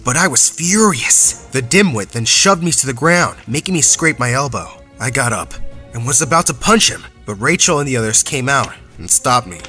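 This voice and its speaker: A man's voice: medium pitch, lively intonation, normal speed, pushed and bright. A young man narrating a first-person story in an earnest, dramatic way, from a script. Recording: faint background music.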